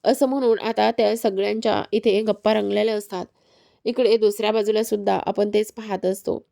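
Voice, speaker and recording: A woman's voice: medium pitch, steady tone, a little fast, vocal fry, dark tone. A woman narrating a recap of a TV serial's episode, retelling it steadily with frequent fillers.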